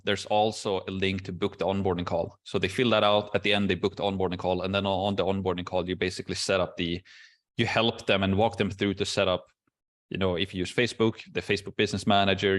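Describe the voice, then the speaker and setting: A man hosting a casual Q&A video call, explaining processes step by step in a relaxed way with many fillers. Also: low voice. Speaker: course host answering questions.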